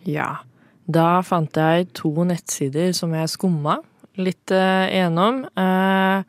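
A woman's voice: fairly low pitch, steady tone, dry recording. A young woman co-hosting a radio show, chatting casually and hesitantly with many fillers. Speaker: radio co-host.

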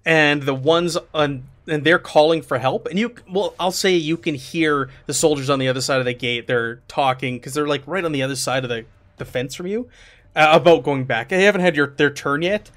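A man's voice: on the high side, fairly quick. A man running a tabletop game as game master, narrating casually with lots of fillers and laughs. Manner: relaxed, filler-heavy, laughs often.

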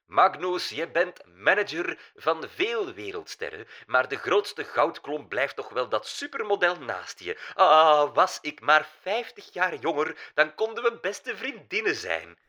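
A man voicing a flamboyant elderly female diva with a shrill, pointed German accent. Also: sing-song, unhurried, few pauses, pushed and bright, exaggerated voice. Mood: wistful.

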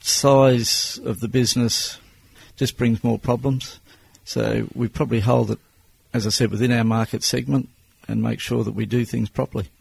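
Speaking as a business owner, a sixty-something Australian man gives steady, plain answers to an interviewer. His mid-range voice barely moves in pitch and has a creak to it, with a faint hiss or hum in the recording.

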